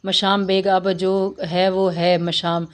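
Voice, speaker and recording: A woman voicing a stern, powerful man who gives cold orders, in a low flat voice. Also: natural voice. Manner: cold, commanding.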